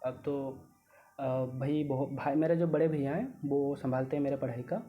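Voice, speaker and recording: A young man from Odisha, a student guest, talking casually and haltingly, often restarting his sentences. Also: mid-range voice. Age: young adult. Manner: hesitant, restarts often, mixes in English words. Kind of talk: casual conversation. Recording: phone-like lo-fi audio with faint noise.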